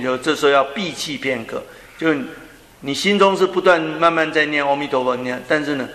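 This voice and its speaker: A man giving a slow, gentle dharma talk on breathing meditation, often trailing off with soft drawn-out particles. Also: mid-range voice. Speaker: Buddhist teacher. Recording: echoey hall with long reverb.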